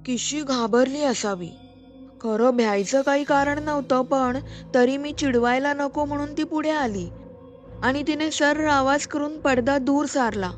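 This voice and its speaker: High-voiced woman narrating a horror story. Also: measured pace, soft background music. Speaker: storyteller and podcast host.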